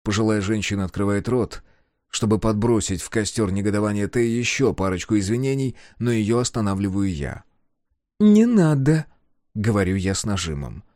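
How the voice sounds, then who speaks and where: An audiobook reader narrates a novel in a measured, expressive scripted reading. His voice is on the low side, and the recording is dry with clean studio sound.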